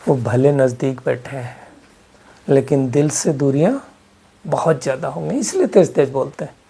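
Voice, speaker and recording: A man's voice: mid-range voice, expressive, normal speed, gravelly, mellow, breathy edge. Man teaching, asking the audience questions. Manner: mixes English terms into his Hindi. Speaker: spiritual teacher. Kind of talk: spiritual health talk to a live audience.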